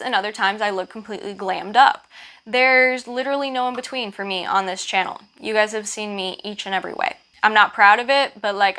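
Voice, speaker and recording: A woman's voice: mid-range voice, fairly bright tone. A woman vlogger chatting casually to camera with advice, informal and self-deprecating, with a lisp from wearing a retainer. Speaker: vlogger and channel host.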